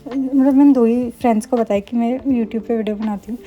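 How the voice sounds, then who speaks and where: A young woman, a medical student, chatting fast in a casual vlog with playful, self-mocking asides. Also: fairly high pitch, steady tone, highs cut off, soft background music. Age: young adult. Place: student hostel room.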